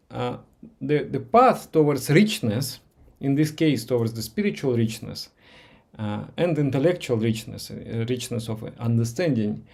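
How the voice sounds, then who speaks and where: This Russian-native man leads a live meditation session for viewers, speaking slowly and gently, full of pauses, fillers and repeated words. His voice is medium in pitch and gravelly.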